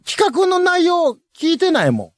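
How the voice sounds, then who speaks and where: Animated high-pitched man with a Kansai accent. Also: measured pace. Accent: Kansai Japanese. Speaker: podcast co-host. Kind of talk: casual banter.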